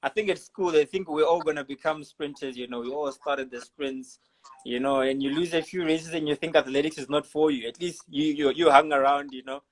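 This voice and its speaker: A man hosting a casual live video chat, relaxed and chatty, laughing often. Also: fairly high pitch, fairly quick, low-quality recording. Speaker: host. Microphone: video call.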